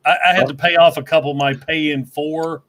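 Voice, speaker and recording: A man's voice: fairly high pitch, steady tone, fairly quick, fairly bright tone. A man in his forties hosting a casual livestream chat over a video call, thanking viewers by name as he talks. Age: 40s. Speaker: livestream host.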